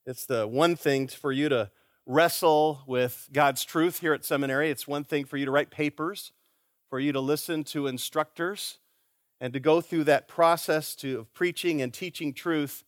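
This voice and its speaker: A male preacher delivering a sermon in a seminary chapel. His voice sits a bit high, and he presses his points with emphatic, forceful exhortation. The recording is dry and close, with little room sound. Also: steady tone, moderate pace, no room sound.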